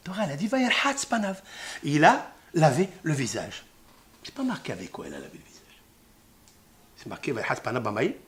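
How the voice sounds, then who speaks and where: A man teaches a scripture lesson in a fairly high voice that rises and falls in wide, lively swings. He drops to hushed murmurs, then bursts into loud exclamations, weaving Hebrew terms into his explanation. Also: brisk, pauses often. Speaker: Torah teacher.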